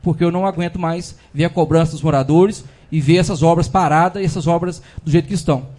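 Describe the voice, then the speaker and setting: A man's voice: fairly high pitch, fairly even intonation, quick pace, darkish tone. A man giving an indignant speech as a city councilman in a council chamber, full of repeated fillers.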